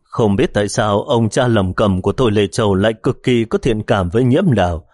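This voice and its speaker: A man narrating a story as an audiobook in a steady, measured reading. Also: on the low side, no echo.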